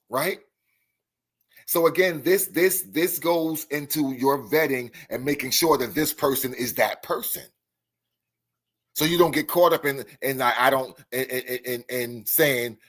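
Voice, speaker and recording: A man's voice: mid-range voice, fairly bright tone. A man hosting a live chat stream, talking emphatically and often repeating himself. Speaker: host.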